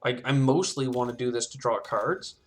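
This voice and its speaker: A man's voice: mid-range voice, normal speed. A man commenting casually on his own game as he plays, thinking aloud and talking himself through each choice. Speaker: gameplay commentator. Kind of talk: casual let's-play commentary.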